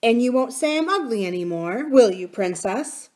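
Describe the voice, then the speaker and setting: A woman's voice: a little high, expressive, moderate pace, darkish tone, voice pushed up, natural voice. A woman voicing a fussy motherly nurse who scolds and takes offence easily. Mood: huffy. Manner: huffy, scolding.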